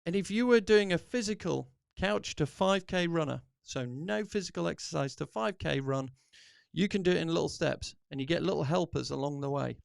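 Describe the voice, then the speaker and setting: A middle-aged man speaks in an earnest, encouraging way, looping through his points with restarts as he gives a motivational talk. His voice sits a little high and has a gravelly edge. The sound is dry and close, with no room around it. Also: moderate pace, no room sound. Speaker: podcast host.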